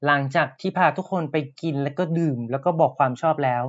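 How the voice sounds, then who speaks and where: During a podcast lesson, a man teaches Japanese words, explaining patiently and repeating each one slowly. His voice is fairly high and the sound is lo-fi.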